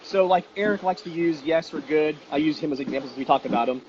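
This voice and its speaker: A man with a fairly high voice talks like an informal instructor in an interview. He explains emphatically, using questions and examples. The sound is dull, with faint background noise. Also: quick pace. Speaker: dog detection trainer and instructor. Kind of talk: casual explanatory interview talk.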